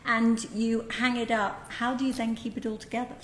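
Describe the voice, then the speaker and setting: A woman's voice: on the high side, flat delivery, moderate pace, reverberant, slight background noise, low-quality recording. A woman hosting a casual chat, curious and chatty, asking a guest about packing. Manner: curious, chatty, asks questions. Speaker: host.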